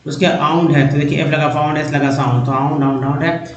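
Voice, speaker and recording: A man's voice: on the high side, fairly even intonation, brisk. A man teaching English reading, spelling out letters and then sounding out each word part, one by one. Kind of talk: phonics lesson, explaining word parts. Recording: echoey, dull lo-fi room sound.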